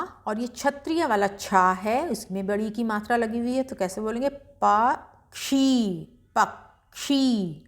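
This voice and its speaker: A woman teaching beginners to read Hindi, sounding each word out slowly before explaining it briskly. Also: medium pitch, fairly bright tone. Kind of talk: slow syllable-by-syllable reading lesson.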